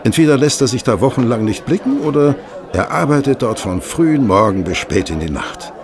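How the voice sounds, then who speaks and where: An actor playing Stamford, an affable, chatty former hospital assistant doctor, in a radio play. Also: male voice, medium pitch, animated, fairly quick, natural voice. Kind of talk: German radio play acting. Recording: restaurant crowd murmur behind. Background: restaurant chatter.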